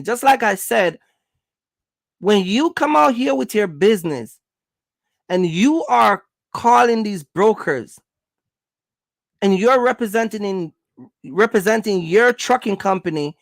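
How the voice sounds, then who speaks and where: A man hosts a casual viewer Q&A, dishing out business advice in colloquial, slangy phrasing and urging emphatically by repeating his points. His voice sits high, creaky and a bit bright, with no echo.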